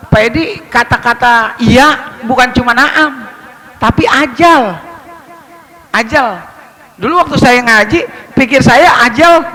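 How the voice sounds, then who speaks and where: A man preaching a lively, humorous sermon, joking with and questioning his congregation. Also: very high voice, big-room sound, rough recording.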